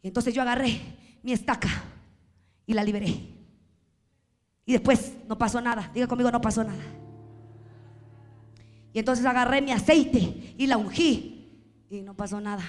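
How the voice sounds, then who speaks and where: A woman with a Mexican accent preaching a sermon, impassioned and often shouting in drawn-out, sing-song calls. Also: fairly high pitch, fairly even intonation. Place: church hall. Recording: echoey hall with music behind.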